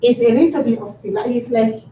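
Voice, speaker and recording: Woman, Swahili teacher, fairly high voice, patient slow modelling, echoey room, distant dull mic. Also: warm tone. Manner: patient, repeats words slowly for the learner. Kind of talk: language lesson, modelling words. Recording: roomy, distant, dull sound with faint hiss.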